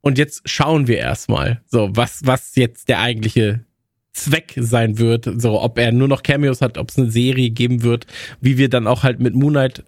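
A man's voice: medium pitch, moderate pace, no room sound, clean studio sound. Rambling man chatting casually. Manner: rambling, many fillers and restarts. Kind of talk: casual chat.

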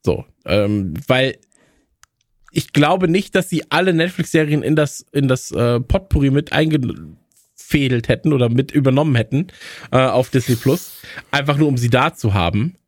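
A man in casual podcast talk, rambling through his thoughts with plenty of restarts. His voice sits mid-pitched and the sound is dry and close. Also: lively intonation, moderate pace, dry recording. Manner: rambling, many fillers and restarts. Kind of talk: casual chat.

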